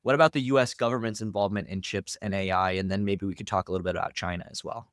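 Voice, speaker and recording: A man hosting an interview, asking questions in a brisk, conversational way. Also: sits low, fairly even intonation, a bit bright, no room sound, studio quality. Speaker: interview host.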